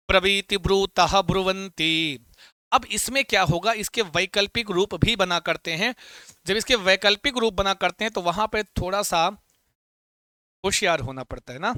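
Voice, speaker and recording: A middle-aged male teacher with a high, bright voice chants Sanskrit verb forms and calls on students to repeat them back. His tone is smooth and clear, and he coaxes and teases the class. The sound is dry and close. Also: dry recording. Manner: playful scolding, calls students beta. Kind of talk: classroom lesson with call-and-repeat drills.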